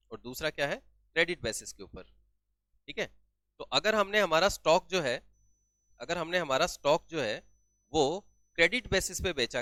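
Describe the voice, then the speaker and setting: Guy teaching accounting, a bit high pitched, keeps repeating the key words and asking if it's clear. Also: sharp tone, dry recording. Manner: asks questions and answers them himself, repeats key terms. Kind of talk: classroom-style lesson.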